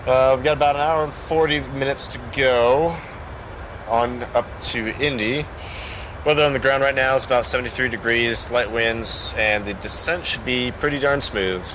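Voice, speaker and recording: Male pilot over clear cockpit noise. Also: mid-range voice, moderate pace. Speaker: first officer in a virtual airline flight sim. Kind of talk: casual cockpit chat and passenger announcements. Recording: steady vehicle-like cockpit noise.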